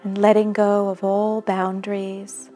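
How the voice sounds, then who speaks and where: Slow, soothing woman guiding meditation. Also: mid-range voice, monotone. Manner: soft, soothing, slow delivery with long pauses. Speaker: meditation guide. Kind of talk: guided meditation narration. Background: background music.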